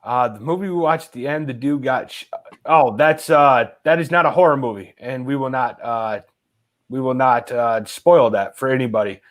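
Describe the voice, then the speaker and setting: A man's voice: medium pitch, moderate pace. A man hosting a casual live stream, reading viewer comments aloud with many "uh" fillers. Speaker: host.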